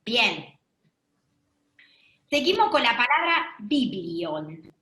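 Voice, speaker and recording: Woman teacher, slow and lively, echoey room on a video call. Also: on the high side. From Argentina. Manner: patient, questioning, affirming answers. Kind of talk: online class lesson.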